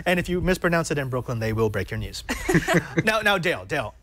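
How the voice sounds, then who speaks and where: A man's voice: fairly high pitch, slight background noise. A man co-hosting a coding show, bantering playfully and giving showy guest introductions. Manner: animated, playful showman introductions. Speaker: co-host. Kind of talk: lively studio banter.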